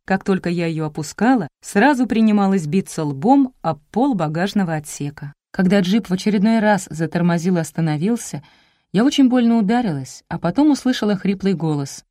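Warm-toned woman reading an audiobook. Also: mid-range voice, no echo, clean studio sound. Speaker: audiobook narrator. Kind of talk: first-person audiobook narration.

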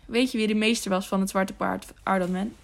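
Woman reading a calm male knight, measured, steady, commanding, middle pitch, storybook. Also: creaky, lightly acted.

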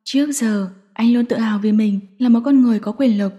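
A woman narrates a dramatic audio story in a slightly high voice. Her tone is mellow and warm. She keeps a steady storytelling pace. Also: a little fast.

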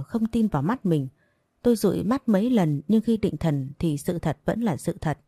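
Woman reading a story aloud, low mellow voice, dry close sound. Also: no room sound. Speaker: narrator. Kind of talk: first-person audiobook narration.

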